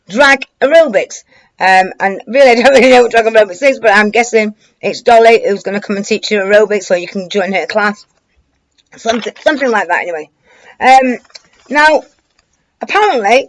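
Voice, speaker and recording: A British woman talks through a story in an informal vlog style. Her delivery is colloquial and rambling, often hesitating and circling back as she looks for the next phrase. Her pitch sits in an average range for a woman. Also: poor audio. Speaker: online commentator. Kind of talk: informal news commentary to camera.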